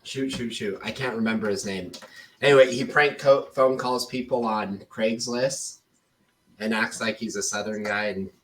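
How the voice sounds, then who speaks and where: A man's voice: on the low side, steady tone, normal speed, fairly bright tone. A man hosting a casual chat, conversational, laughing easily. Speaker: host. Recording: distant from the mic.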